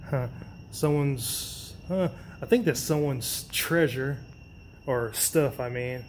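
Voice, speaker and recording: A man's voice: mid-range voice, slow, a little hiss or hum. Muttering man exploring an abandoned building. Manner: muttering to himself, casual and profane. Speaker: urban explorer vlogger. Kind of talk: exploring narration to camera. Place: inside an abandoned hospital.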